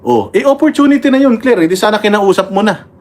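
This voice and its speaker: A man's voice: sits high, lively intonation, fast, a little mellow. Combative Filipino man ranting on a livestream. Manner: combative, mocking, thanks members and reads comments aloud. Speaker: political livestream host. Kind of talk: casual political commentary livestream.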